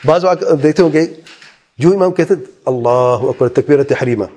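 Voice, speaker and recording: A man teaching an Islamic jurisprudence lesson, explaining step by step and putting questions to his listeners. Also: fairly high pitch. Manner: softly demonstrates quiet recitation. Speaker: religious teacher.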